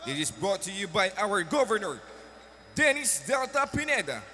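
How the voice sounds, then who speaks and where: A man with a Filipino accent doing big, hyped arena announcing with shouted, drawn-out delivery. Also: sits high, big pitch swings. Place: large indoor sports hall over PA. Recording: long hall reverb with music behind.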